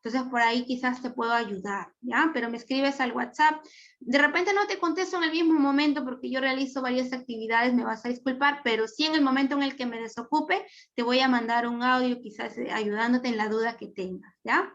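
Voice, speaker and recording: A woman's voice: high voice, brisk, fairly bright tone, lo-fi sound. A woman teacher giving an online class, explaining patiently step by step and ending her phrases with tag questions. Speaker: school teacher.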